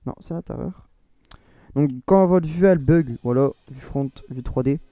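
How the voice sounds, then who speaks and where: A man's voice: fairly high pitch, moderate pace, mellow, no echo, muffled recording. A man with a French accent giving a casual, rambling modding tutorial, often correcting himself and laughing at his own slips. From France. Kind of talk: casual screen-recorded tutorial.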